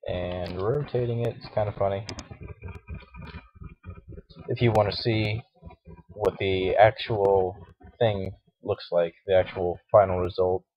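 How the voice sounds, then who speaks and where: Low, groggy man on a lo-fi mic. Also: steady tone, takes it slowly, long pauses. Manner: hesitant, many fillers and restarts. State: groggy morning voice. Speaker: tutorial host. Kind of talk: casual screen-recorded software tutorial. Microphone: cheap computer microphone. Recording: dull lo-fi mic with faint hiss and mouse clicks.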